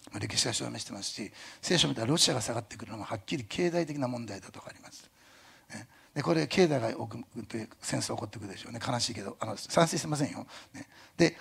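A male pastor preaching a sermon in a lively conversational way, with jokey asides and a hint of a Kyushu dialect. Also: mid-range voice, creaky, slightly rough. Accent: Kyushu dialect touches. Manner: animated, jokey asides, imitates other pastors.

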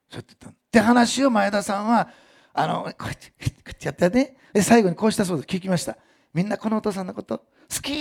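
A man preaching a sermon as a pastor, telling stories with animated delivery and acting out the people he quotes. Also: fairly high pitch, gravelly, breathy edge.

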